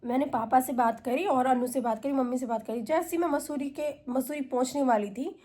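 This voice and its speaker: High-voiced young woman vlogger. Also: fairly quick, mellow. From India. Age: 20s. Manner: chatty, retells calls with quoted voices. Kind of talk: casual storytelling to camera.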